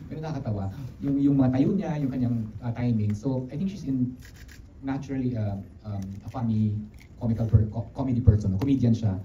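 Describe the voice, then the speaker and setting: A middle-aged man with a Filipino accent, a film director answering press questions in rapid, animated Filipino mixed with English, with many restarts. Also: mid-range voice. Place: media conference room. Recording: dull, roomy, distant, with background noise.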